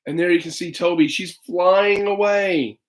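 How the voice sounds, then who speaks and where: Speaking a little slowly in a high voice, a man in his thirties chats and reads a picture book for children online. As a parent on a casual livestream, he rambles and hesitates, tossing in playful asides.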